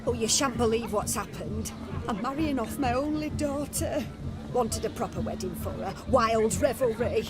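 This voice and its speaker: An actress playing an excitable, proud mother of a bride in a video game, chatty, dramatic and easily indignant. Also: fairly high pitch, normal speed, close to an everyday voice. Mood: excited. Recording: game music and crowd behind the voice.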